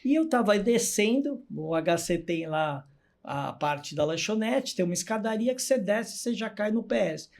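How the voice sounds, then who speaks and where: A man's voice: sits high, animated, moderate pace, creaky, darkish tone. A man telling a story as a podcast guest, a hospital clown who acts out the people in his stories.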